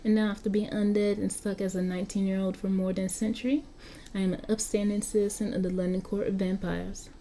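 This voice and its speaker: A Southern-accented woman plays a slangy, cocky vampire who has looked nineteen for over a hundred years, reading an interactive story aloud. Her medium-pitched voice is fast, flat and dark, close to everyday speech, with a little hiss or hum. The tone is flippant and chatty.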